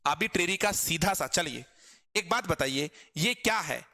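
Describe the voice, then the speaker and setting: A man's voice: on the high side, lively intonation, normal speed, bright, forceful tone. A man with a Hindi accent teaching English grammar in a live online class, explaining patiently, repeating words and quizzing his students.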